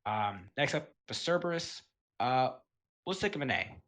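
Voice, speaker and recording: A man casually talking through a game tier list, rambling and filling pauses with um and you know. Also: medium pitch, lively intonation, a bit bright. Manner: laid-back, chuckles between points. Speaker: gaming video host.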